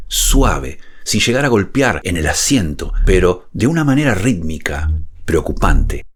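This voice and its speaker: A man narrating a scripted suspense horror story in a measured, dramatic way, speaking intimately close to the ear. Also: low voice, breathy edge. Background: music behind the voice.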